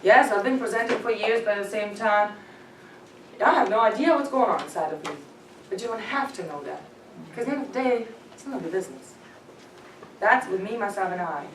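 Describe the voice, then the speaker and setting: A woman's voice: medium pitch, lively intonation, brisk. A woman coaching a small group on etiquette and presence, talking emphatically and laughing often. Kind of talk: workshop talk to a small group. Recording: roomy and distant with background noise.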